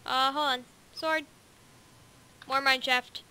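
Bright high-voiced excitable woman gamer. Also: no echo. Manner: excitable, bursts of quick chatter. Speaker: gamer co-host. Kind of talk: casual gameplay chat.

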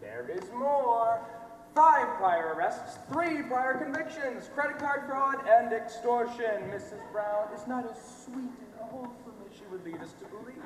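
Heard from far away through a noisy, echoing theatre, a young adult man plays a brash, fast-talking reporter blowing open a scandal in an amateur production. He sounds accusing and animated at a measured pace, swinging his pitch widely and hitting slangy lines with emphatic, theatrical punch.

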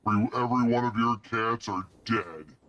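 A man's voice pushed far down by a deep pitch-shifting voice changer, so it sits very low. He throws out crude, menacing trash talk in casual game roleplay banter. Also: brisk, pushed and bright, dull audio.

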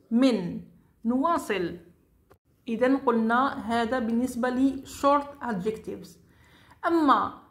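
A woman teacher giving a grammar lesson, saying each English word slowly and repeating it with its meaning. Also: a little high. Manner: spells out words slowly, switches between English and Arabic. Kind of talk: slow classroom grammar lesson. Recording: echoey room.

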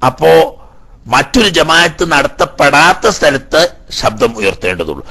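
Husky bright-voiced man teaching a class. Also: on the high side. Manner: explains Arabic text line by line, then paraphrases; asks the class rhetorical questions. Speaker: religious teacher. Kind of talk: Islamic law class lecture.

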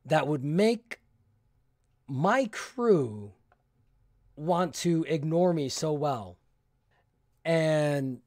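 A man's voice: a little high, a little mellow, no echo, studio quality. A man voicing an irritated, stubborn ship captain in a solo tabletop role-play, grumbling indignantly. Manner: grumbling, indignant in-character monologue.

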